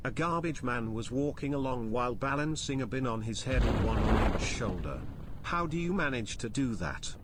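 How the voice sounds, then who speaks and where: A robotic, metallic text-to-speech male voice reading out viewer jokes in a flat, even machine delivery. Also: medium pitch, normal speed, heavy background noise. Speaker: donation message reader.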